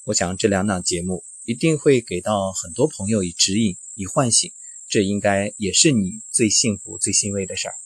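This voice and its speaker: A man with a low, husky voice hosts an interview and sums up his guest's story in measured, formal phrases. The sound is dry and close. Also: dry recording. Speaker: interview host. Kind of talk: hosted interview.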